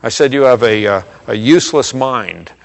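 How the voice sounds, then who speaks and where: A male pastor delivering a sermon in a conversational way, checking in with "okay?" and getting louder and higher for emphasis. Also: normal speed, creaky. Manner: rises in pitch and volume for emphasis. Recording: long reverb of a hall.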